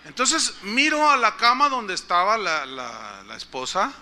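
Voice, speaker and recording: Telling a story in his sermon, a male pastor speaks expressively and without hurry, putting questions to the congregation. His voice is high for a man, ringing bright and sharp.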